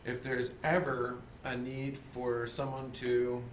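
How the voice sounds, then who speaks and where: A man on a game stream improvising a deadpan, joking sales pitch. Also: slow. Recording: roomy room, distant mic, audible hiss.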